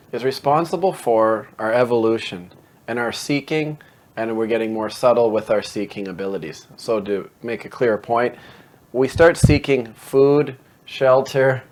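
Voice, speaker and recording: A man hosting a meditation show, explaining calmly and conversationally and posing rhetorical questions. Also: mid-range voice.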